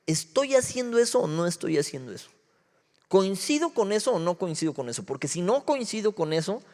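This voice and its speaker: A young male pastor with a Mexico City accent giving a casual youth sermon, joking and slangy, often checking in with rhetorical questions. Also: sits high. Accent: Mexico City Spanish. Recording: long hall reverb.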